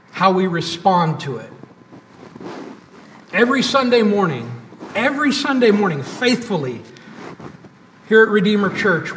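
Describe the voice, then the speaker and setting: A man with a high voice preaches slowly and deliberately, repeating his key words for weight. His sermon rings through a church sanctuary with long reverb, picked up from a distance with faint background noise. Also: a bit bright. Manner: preaching with emphatic repetition and pauses. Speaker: pastor. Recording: echoey church hall, mic at a distance.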